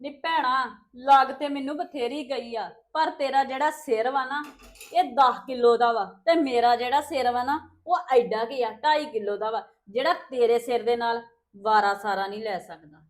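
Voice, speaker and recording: A woman plays a wronged housewife who answers with grave warnings and resentment. Her voice is high, and her tone is that of a scripted family drama. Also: normal speed, natural voice. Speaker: actor in a family skit.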